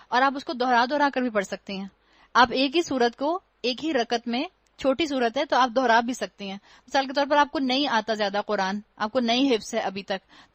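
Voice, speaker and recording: This Quran teacher lectures patiently on religion, asking rhetorical questions, adding wry humor and dropping English words into her speech. Her voice is on the high side, with no room sound.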